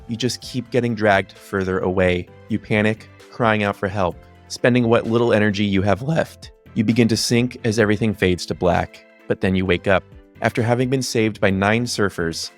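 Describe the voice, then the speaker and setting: A man with a fairly low voice reads a podcast host's scripted opening. He speaks in a measured way, talking straight to the listener. Faint instrumental music plays underneath. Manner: measured, addresses the listener directly. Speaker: podcast host. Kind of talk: scripted podcast intro narration. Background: soft instrumental music.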